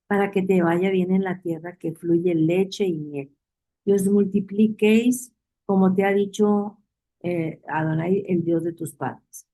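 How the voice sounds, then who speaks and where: Mellow-voiced woman teaching Bible study. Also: medium pitch, low-quality recording. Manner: reads verses aloud and asks the class questions; repeats key phrases for emphasis.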